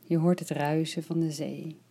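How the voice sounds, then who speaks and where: Soft-spoken woman guiding relaxation. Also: low voice, level tone, creaky, slightly rough. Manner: slow, soft and soothing, partly whispered. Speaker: relaxation guide. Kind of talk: guided relaxation meditation.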